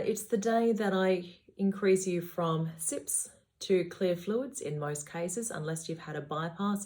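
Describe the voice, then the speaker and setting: A woman's voice: sits low, darkish tone. A woman speaking as a surgeon, giving patients instructional advice in a matter-of-fact, reassuring way.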